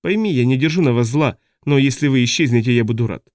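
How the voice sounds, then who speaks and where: A man's voice: medium pitch, fast talker, a little mellow, no echo, studio quality, close to an everyday voice. A man reading an audiobook, voicing a weary, blunt male village chief who explains things matter-of-factly.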